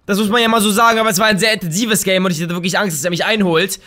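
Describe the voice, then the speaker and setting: A young man with a German accent giving excitable live commentary over a shooter game, trash-talking opponents and breaking into shouts. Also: high-pitched, racing. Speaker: gaming YouTuber.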